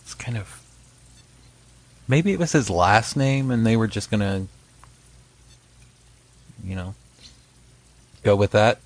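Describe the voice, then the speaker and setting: A man's voice: lowish voice, lively intonation, takes it slowly, long pauses. A man co-hosting a podcast, chatting casually and joking about a TV show, with plenty of fillers. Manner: laid-back, jokey, trails off in fillers. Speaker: podcast co-host.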